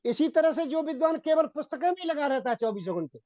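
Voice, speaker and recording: A man giving a Hindi-accented sermon on Vedic philosophy, repeating phrases and often addressing his listeners as gentlemen. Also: very high voice, expressive, fast talker, dry recording. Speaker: Vedic preacher. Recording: dull, dry lo-fi recording.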